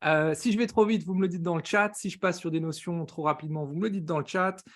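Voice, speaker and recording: A man with a French accent and a slightly high voice hosts a live business coaching stream. He talks very fast and excitedly, greeting viewers by name and dropping slang.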